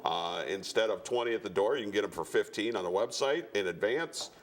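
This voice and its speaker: Male wrestling host, lowish pitch, casual promotional presenting, conversational. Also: lively intonation, brisk.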